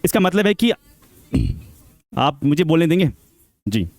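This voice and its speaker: A man's voice: fairly high pitch, sing-song, takes it slowly, vocal fry, a little mellow, dry recording. A man gives exam guidance to students at a seminar, emphatic and fond of rhetorical questions, mixing English into his Hindi. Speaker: seminar speaker.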